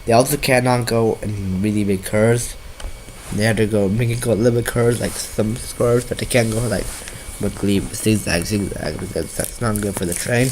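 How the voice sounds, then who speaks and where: A man from Washington State with a nasal voice and a bad cold, giving rambling, halting gameplay commentary as a video creator. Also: lowish voice, steady tone, a little mellow, a little hiss or hum, poor audio. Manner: rambling, halting, often restarts sentences.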